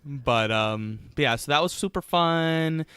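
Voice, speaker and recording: A man's voice: fairly high pitch, measured pace, a bit bright, clean tone, dry recording. A man co-hosting a podcast in casual chat, chatty and giggly, with lots of "like". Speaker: podcast co-host.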